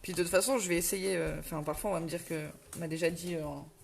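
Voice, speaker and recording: A woman's voice: on the low side, fairly even intonation, quick pace, creaky, a little hiss or hum. A middle-aged woman with a Ch'ti accent hosting a casual live crafting tutorial at home, chatting, self-correcting and answering viewer comments. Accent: Ch'ti (northern French). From northern France. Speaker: crafting host on a live stream.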